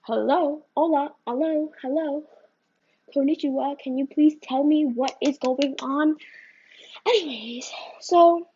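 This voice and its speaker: A woman vlogger rants to the camera in a rambling way, frequently adding "right?" and "you know?" Her voice is high and mellow, and she keeps a measured pace. It's a slightly muffled phone recording with a little hiss or hum.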